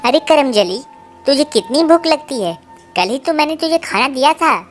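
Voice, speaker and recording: Woman voicing a cartoon stepmother bird, harsh, scolding, very high voice. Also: animated, moderate pace, faint music behind. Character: cruel scolding stepmother bird, female, adult.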